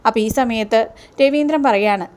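A woman's voice: on the high side, fairly quick, darkish tone. A woman casually retelling a TV serial episode in a chatty way, keeping the listener involved with asides. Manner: chatty, keeps adding "you know" asides to the listener. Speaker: TV serial reviewer.

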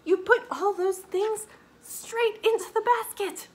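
A woman voicing a flustered busy mother in a picture-book story, exclaiming loudly and high. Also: very animated, takes it slowly. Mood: fond.

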